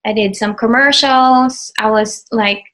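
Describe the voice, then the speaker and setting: In a relaxed interview, a graduate of an online program talks in an unhurried, somewhat high and bright voice. She is a Tagalog-speaking woman from the Philippines in her thirties with a Filipino accent, and her speech is hesitant, full of fillers and restarts.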